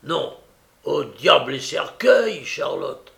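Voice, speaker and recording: A man reading an audiobook, voicing a boastful, swaggering young man with brash, loud outbursts. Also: fairly high pitch, wildly swooping pitch, slow, gravelly, exaggerated voice. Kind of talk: audiobook character voice.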